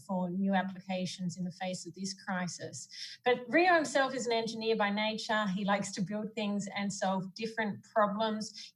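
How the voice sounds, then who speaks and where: A woman's voice: mid-range voice, low-quality recording. A woman moderating a webinar, introducing the next speaker with frequent restarts and repeated words.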